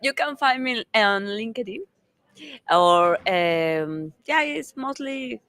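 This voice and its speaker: A woman's voice: fairly high pitch, expressive, slow pace, fairly bright tone, clean tone, dry recording. A middle-aged woman with a Mexican accent, a native Spanish speaker, answers interview questions in English, hesitating, searching for words and laughing often. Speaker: interview guest, company founder. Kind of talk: casual conference interview.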